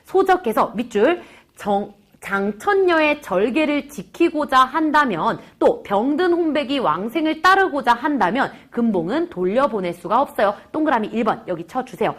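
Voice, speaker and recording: A woman's voice: high-pitched, very animated, moderate pace, few pauses, a bit bright. A woman tutoring Korean literature, retelling a classical story in quoted dialogue and talking straight to her students. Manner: retells the story in quoted dialogue, switching voices for each character; addresses students directly as kids. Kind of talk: lecture on a classical novel.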